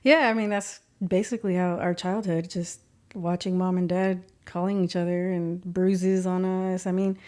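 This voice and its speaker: A woman's voice: fairly low pitch, moderate pace. A woman, telling stories in a casual interview and acting out quotes. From South Texas. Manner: animated, acts out quotes, laughs through stories. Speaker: guest, business owner.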